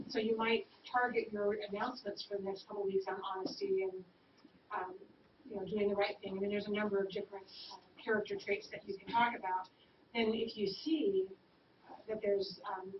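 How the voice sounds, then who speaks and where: A woman administrator answering questions at a school board meeting, measured and explanatory with frequent ums. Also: mid-range voice. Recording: echoey, dull sound from a distant mic with noise.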